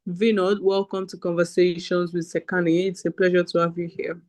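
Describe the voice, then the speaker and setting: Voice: mid-range voice, flat delivery, a little fast, darkish tone, dry recording. Podcast host, upbeat, chatty, casual interviewer, dry close sound. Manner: upbeat, chatty, with light laughs and fillers.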